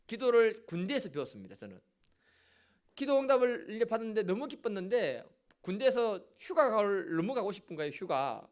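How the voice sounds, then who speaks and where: Animated high-voiced male preacher. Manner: animated storytelling with audience asides. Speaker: pastor. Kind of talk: sermon. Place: church sanctuary.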